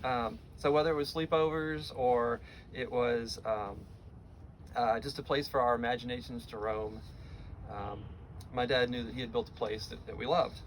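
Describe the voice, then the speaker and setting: Middle-aged american guy doing a tender eulogy, halting and faltering, medium pitch, noisy room sound behind him. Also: steady tone. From Florida, United States. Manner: faltering, halting delivery with pauses and repeated words. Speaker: son giving a eulogy for his father.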